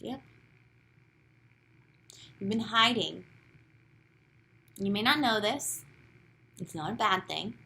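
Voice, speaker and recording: A young woman giving a casual, chatty tarot reading, enthusiastic and sometimes dropping to soft near-whispers. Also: mid-range voice, animated, takes it slowly, vocal fry, long pauses. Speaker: tarot card reader.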